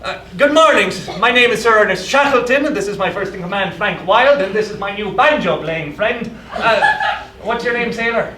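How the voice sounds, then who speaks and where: A man playing a brisk, bossy and jolly polar expedition captain, chuckling between orders in a staged reading of a musical. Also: high voice, expressive, a crowd in the background. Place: performance hall. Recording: echoey hall, far from mic, music.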